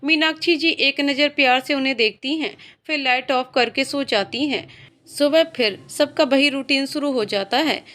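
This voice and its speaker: A woman's voice: high voice, normal speed, a bit bright. A woman reading an emotional story aloud as narrator, voicing every character in her own voice.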